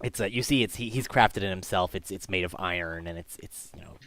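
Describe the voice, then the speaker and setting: A man narrating a tabletop game as game master, halting and full of fillers. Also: low voice, a bit bright.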